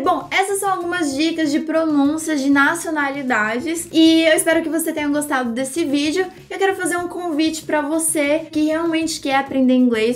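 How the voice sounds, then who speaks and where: A Brazilian woman with a Brazilian Portuguese accent hosting an English pronunciation lesson, slowly drawing out model words for students to repeat. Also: sits high. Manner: slow, drawn-out model words for repetition. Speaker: English teacher and channel host.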